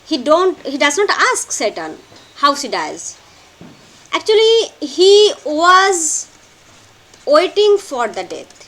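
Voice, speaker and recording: A woman teaching a play in a lecture, slowly and emphatically, repeating key phrases for notes. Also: high-pitched, very animated, fairly bright tone. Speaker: literature teacher. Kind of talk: lecture explaining a play line by line.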